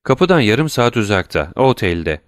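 A man's voice: fairly low pitch, sing-song, unhurried, no echo, studio quality. A man reading an audiobook, voicing a composed, worldly count who speaks in elaborate, courtly phrases.

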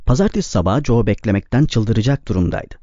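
A man reading a novel aloud as narrator, with a steady, measured delivery, in a slightly dull, dry recording. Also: on the low side, dry recording. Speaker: audiobook narrator. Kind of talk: scripted narration.

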